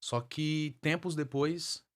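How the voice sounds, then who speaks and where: A man's voice: on the high side, slow. A man, a guest minister, tells his life story as a testimony in a fervent preaching cadence and repeats phrases for emphasis.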